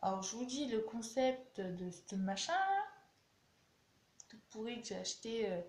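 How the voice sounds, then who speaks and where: A woman's voice: fairly high pitch, unhurried, a little mellow. A young woman vlogger chatting bluntly and animatedly through a casual beauty product review. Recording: echoey room with faint noise.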